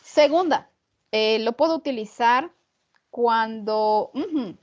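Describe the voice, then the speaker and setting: A woman's voice: fairly high pitch, slow pace. A woman teaching an online class on punctuation, often checking in with rhetorical questions to her students. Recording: muffled lo-fi online class audio.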